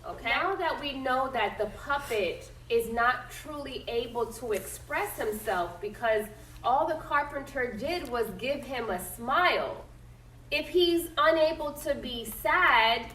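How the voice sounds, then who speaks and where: This woman teacher's voice sits high, with lively intonation, a slow pace, a somewhat bright tone, and a slight hiss or hum. Reading a picture book aloud, she frequently asks the class questions and checks in with "okay?". The read-aloud lesson is recorded from a distance amid classroom echo.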